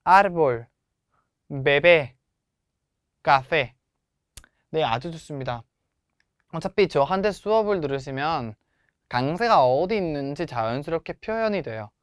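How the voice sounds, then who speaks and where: A young man teaches pronunciation patiently and encouragingly, leaning hard on stressed syllables as he models each word. His voice sits a little high and sounds smooth and resonant. The recording is dry and close. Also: lively intonation, normal speed, dry recording. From Spanish-speaking country. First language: Spanish. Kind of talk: friendly language lesson.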